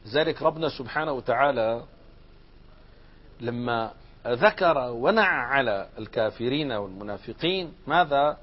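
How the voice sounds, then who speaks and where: Sheikh teaching grammar, lo-fi. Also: male voice, mid-range voice, animated, moderate pace, breathy edge. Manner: asks the class questions and answers them, mixing formal Arabic with colloquial. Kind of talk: classroom grammar lesson. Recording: dull lo-fi lecture recording.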